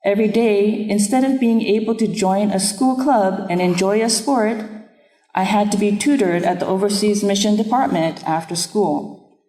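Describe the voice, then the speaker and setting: A woman minister whose first language is Japanese, giving an earnest, reflective sermon in a measured way. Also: medium pitch, mellow. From Nepal. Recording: echoey room with long reverb.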